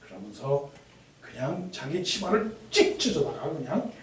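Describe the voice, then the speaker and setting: A male pastor preaching a sermon with lively delivery, breaking into shouted cries and then dropping to hushed asides. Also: fairly high pitch, a little slow. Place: church sanctuary. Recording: echoey hall from far off, faint noise.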